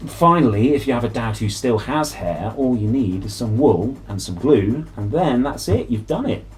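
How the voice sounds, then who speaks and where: A man reads a children's story aloud in an animated, playful way, adding dramatic emphasis. His voice is mid-range, a little mellow, with lively intonation at normal speed, and there is a little hiss or hum.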